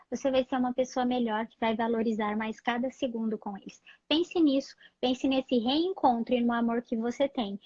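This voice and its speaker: Calm woman psychologist, muffled live audio. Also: fairly high pitch, dry recording. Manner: calm, reassuring, many "né?" fillers. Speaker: psychologist guest. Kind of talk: live-stream chat giving advice.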